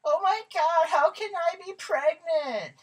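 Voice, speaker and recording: A woman voicing an excitable, melodramatic young party-girl sock puppet in a goofy comedy, gushing like a valley girl. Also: very high voice, unhurried, voice pushed up. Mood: frantic.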